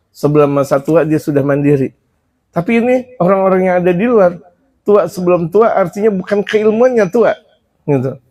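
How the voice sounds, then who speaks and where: A man preaching on a religious book, switching between Arabic recitation and lively, chatty explanation. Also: fairly high pitch. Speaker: Islamic preacher. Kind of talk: sermon teaching a religious book.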